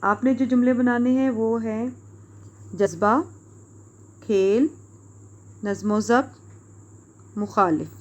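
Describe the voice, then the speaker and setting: A woman teacher with a Pakistani Urdu accent, giving a recorded lesson to young pupils, speaking clearly and patiently and spelling out words letter by letter. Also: a little high, long pauses, highs cut off.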